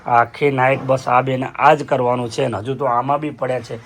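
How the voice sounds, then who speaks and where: A man's voice: medium pitch, fairly even intonation, moderate pace, fairly bright tone. A man narrating a casual festive vlog into a phone camera, chatting directly to his viewers. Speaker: vlogger. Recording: street and traffic noise.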